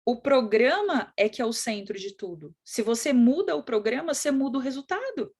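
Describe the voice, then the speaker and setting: Brief: middle-aged Brazilian woman, course instructor, lively teaching voice, slightly high. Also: moderate pace, breathy edge. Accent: Brazilian Portuguese. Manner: animated, acts out quoted children and parents. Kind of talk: conversational teaching talk.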